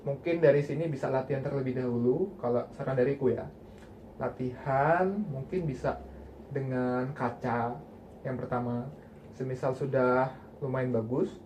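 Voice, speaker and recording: Young male facilitator, soft-edged mellow tone, casual guidance, faint background noise. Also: medium pitch, dull audio. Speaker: group counselling facilitator. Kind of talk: casual guidance to a small group.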